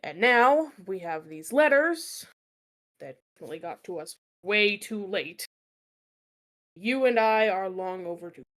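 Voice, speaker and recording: A woman's voice: mid-range voice, expressive, slow, a bit bright. A woman playing a blunt, guarded young woman. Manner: blunt, swearing, blurting.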